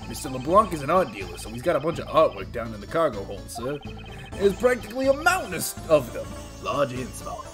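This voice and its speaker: A man's voice: a little high, big pitch swings, a little fast, over music. A man voicing an eager, loyal male police detective who talks bluntly, adding sir and pal.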